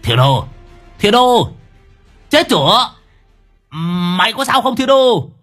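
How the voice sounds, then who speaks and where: Man doing a shrill old village prankster. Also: big pitch swings, a little slow, fairly bright tone, soft background music, heavily acted. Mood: panicked. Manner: shrill, panicky, mocking.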